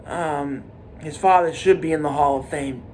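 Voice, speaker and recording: A man of forty hosting his own podcast, talking in a halting, repetitive way with many restarts and fillers. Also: a little high, a little hiss or hum. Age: 40s. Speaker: podcast host. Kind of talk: casual monologue.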